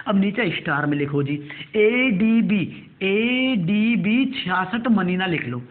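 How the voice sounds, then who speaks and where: A male coaching teacher, dictating current affairs notes and repeating each term slowly. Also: a little high. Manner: repetitive, drills terms slowly for note-taking. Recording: tinny phone-like audio.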